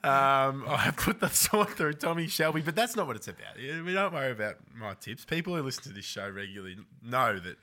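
A man's voice: mid-range voice, big pitch swings, fairly quick, few pauses, bright, forceful tone. An Australian man hosting a racing tipping show in casual, teasing banter with his mates. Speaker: host of a greyhound tipping show.

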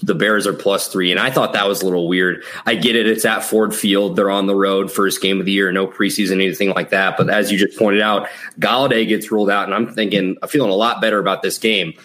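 A man's voice: deep voice, steady tone, brisk, hardly any pauses, fairly bright tone. A man from the Chicago area chatting casually about sports as a podcaster guest. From Chicago area, United States.

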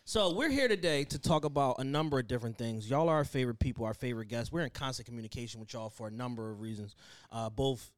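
A man's voice: medium pitch, quick pace, hardly any pauses. A man hosting a casual podcast chat. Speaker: podcast host.

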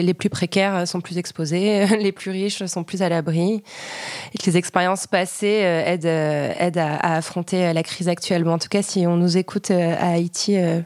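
A woman hosting a podcast interview, asking measured, gently probing questions. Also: fairly low pitch, fairly even intonation, no echo, studio quality. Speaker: podcast host.

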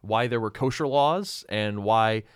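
Man, podcast co-host, casual bible study talk, low voice, dry sound. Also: unhurried, clear, resonant tone, no echo. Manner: relaxed, thinking aloud with fillers.

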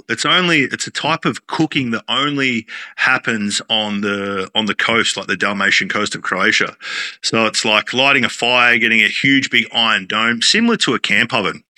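An Australian chef, appearing as a guest in a casual interview, rambles along with plenty of fillers and restarts. His medium-pitched voice sounds bright and forceful.

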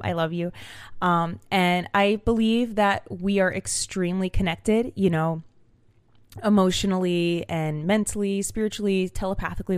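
A young woman telling stories to camera in a casual vlog, chatty and animated with many fillers. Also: medium pitch, clean tone, dry recording, studio quality. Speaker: vlogger. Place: small room at home. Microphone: camera mic.

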